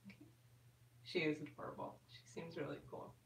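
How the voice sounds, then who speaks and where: A woman's voice: low-pitched, steady tone, fairly quick, slight background noise. Roomy chatty woman answering live chat. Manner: chatty, reads and answers comments, frequent laughs and fillers. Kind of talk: casual live-stream chat. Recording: roomy and distant from the mic.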